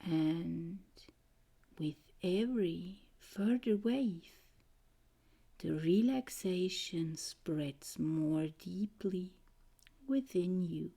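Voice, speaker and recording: Woman, guided meditation, hypnotic and mesmerizing, extremely slow, mellow, soft breathy near-whisper. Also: lowish voice, animated. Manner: mesmerizing, hypnotic delivery with short, gentle phrases.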